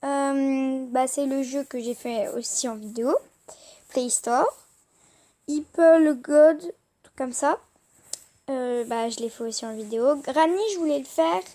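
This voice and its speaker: A woman's voice: high-pitched, measured pace, warm tone. A young French-speaking woman rambling hesitantly with many fillers as she shows the apps on her tablet. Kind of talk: casual screen-recorded chat.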